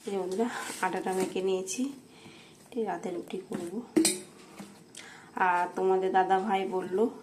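A woman's voice: mid-range voice, steady tone, a little slow. Chatty woman vlogging from her kitchen. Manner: chatty, talks straight to viewers while cooking. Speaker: home vlogger and mother. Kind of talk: casual vlog narration to viewers. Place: home kitchen indoors. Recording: clattering kitchen noise behind. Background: dishes, pots and cutlery clatter.

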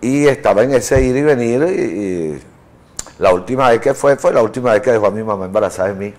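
An Italian-born man in his fifties is an interview guest in a TV studio, wearing a lapel mic and chatting casually, telling rambling stories with chuckles and plenty of fillers. His medium-pitched voice is darkish in tone, with lively intonation and a slightly fast pace.

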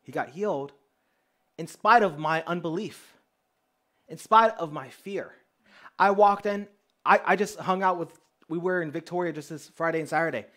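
A man preaching a sermon, telling testimony stories in a lively, conversational way and speaking straight to the congregation. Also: on the high side, normal speed, long pauses. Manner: lively storyteller, acting out dialogue; conversational, addresses the congregation directly.

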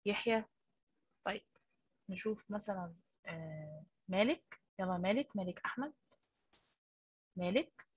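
A woman with an Egyptian Arabic accent, a primary school teacher coaxing and praising young pupils in an online class, her voice a little husky. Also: mid-range voice, expressive, moderate pace, long pauses.

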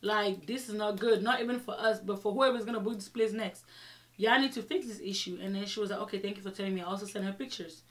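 Female vlogger, young adult, mid-pitched. Animated storytime rant: exasperated, emphatic, retells dialogue as back-and-forth quotes. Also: fast. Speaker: vlogger telling her own story. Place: small indoor room with shelves, seated before the camera.

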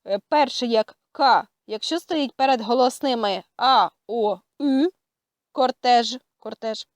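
Slow, high-voiced woman teaching. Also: no echo. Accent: Ukrainian. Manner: careful, with frequent hesitant fillers. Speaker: language teacher. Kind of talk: slow spoken lesson.

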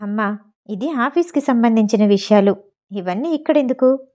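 A woman's voice: a little high, animated, normal speed, mellow, close to an everyday voice. A woman voicing a rich, impatient young man in an audio story, speaking curtly and firmly. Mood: worried.

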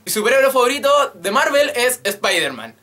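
His voice is extremely high with big pitch swings, normal speed, and a pushed, bright quality over faint background music. The speaker, a twenty-something YouTube host with a Chilean Spanish accent, rants and jokes with plenty of swearing in a casual vlog, filmed via desk webcam in a small room holding a drum kit.

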